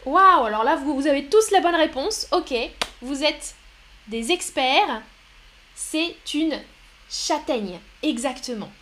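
A woman's voice: high-pitched, lively intonation, slow pace, fairly bright tone, slight background noise. A woman teaching French on a live stream, explaining patiently and greeting viewers in the chat. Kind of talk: live-streamed language lesson.

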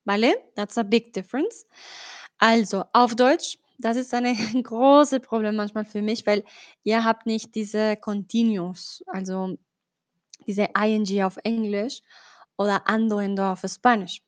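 A woman's voice: mid-range voice, steady tone, slow, no echo. A woman teaching a language on a live stream, patiently explaining and moving between Spanish, English and German, checking in often with her viewers.

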